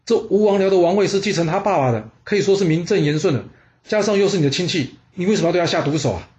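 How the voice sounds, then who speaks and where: A man's voice: medium pitch, quick pace, highs cut off, lightly acted. A man voicing a humble, brave butcher who speaks in a raised, earnest voice. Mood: startled. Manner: raised excited voice.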